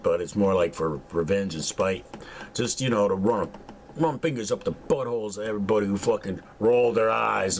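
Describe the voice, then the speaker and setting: An older man delivering an angry, profane, preachy rant to camera, mocking his listeners and breaking into high shouts. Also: slight background noise. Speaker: vlogger. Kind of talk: angry ranting monologue.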